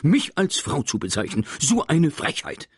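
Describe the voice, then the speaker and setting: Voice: medium pitch, wildly swooping pitch, very slow, breathy edge, no room sound, pitched above the performer's own voice, heavily acted. A reader voicing a strict, pompous male schoolteacher who barks indignantly. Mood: stern. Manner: barking, indignant, loud. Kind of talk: reading a children's book aloud.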